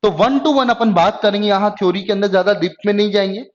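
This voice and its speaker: A male tutor giving an exam-prep lecture in Hindi with English phrases, dictating slowly and often checking whether students have understood. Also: high-pitched. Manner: slow, drawn-out dictation of English phrases, frequent "got it?" checks. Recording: dull lo-fi lecture audio.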